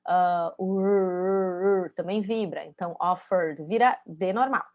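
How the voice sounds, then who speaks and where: A woman's voice: on the low side, moderate pace, dull audio. A woman teaching English pronunciation in a casual spoken lesson, speaking, explaining patiently and checking in with her students as she demonstrates sounds.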